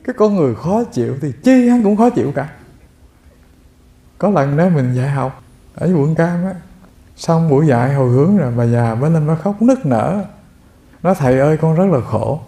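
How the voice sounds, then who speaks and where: A man's voice: a little high, animated, moderate pace, pauses often, dark tone, roomy sound. A Buddhist monk giving a sermon, telling stories and speaking straight to his listeners. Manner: addresses listeners directly, storytelling. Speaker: monk giving a Dharma talk.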